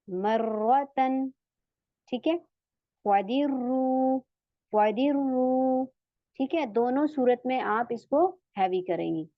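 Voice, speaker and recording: A woman with an Urdu accent teaching recitation rules, patiently repeating example words slowly. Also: fairly high pitch, dry recording. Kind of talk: slow step-by-step tajweed lesson. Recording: dry, dull lo-fi audio.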